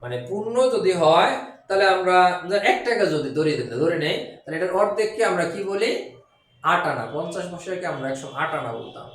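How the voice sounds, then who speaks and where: A man with a high voice teaches a grammar lesson in a very echoey room. He sits some way back from the mic. He goes step by step, repeats each point and keeps asking the listener questions. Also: lively intonation, brisk, a bit bright, far from the mic. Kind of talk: classroom-style grammar lesson.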